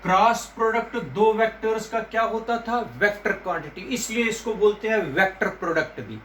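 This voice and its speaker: A man teaching physics to students, repeating key terms slowly and calling them "beta". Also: sits high, a bit bright, slight background noise. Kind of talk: classroom lecture. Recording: echoey room with faint ambience.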